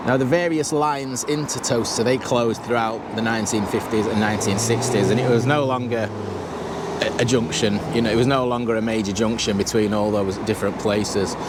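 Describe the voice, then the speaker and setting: A man's voice: mid-range voice, noisy background. A man hosting a travel vlog, chatting casually as he walks through town streets, often restarting and turning to the viewer with asides. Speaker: travel vlogger and host. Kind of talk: casual walking-tour commentary. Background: background music.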